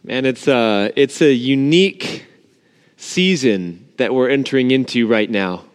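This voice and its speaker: In an empty church, a man delivers a casual yet earnest sermon as pastor, addressing the congregation directly. His voice is clear and resonant, medium in pitch and unhurried, trailing the room's long, cathedral-like echo.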